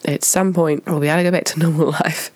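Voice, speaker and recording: A woman, hoarse from being sick, hosts a podcast casually in a croaky voice with creaky starts. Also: sits low, fairly even intonation, fast talker, a little mellow, no echo. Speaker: podcast host.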